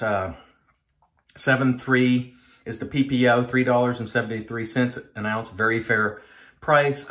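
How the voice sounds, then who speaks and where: Man, 40s, lower pitch, casual earnest to-camera talk, shaving vlog, small home bathroom. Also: a bit bright. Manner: chatty, earnest, addresses viewers as folks. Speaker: shaving channel host.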